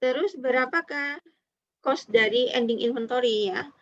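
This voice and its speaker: A fairly high-voiced woman teaches an online accounting class, patient and methodical, checking in with her students as she goes. Her voice comes through a dull, lo-fi call connection, close and dry with no room sound. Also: unhurried, a bit bright, no room sound. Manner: patient, explains step by step, tags lines with "ya" and "gitu". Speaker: lecturer.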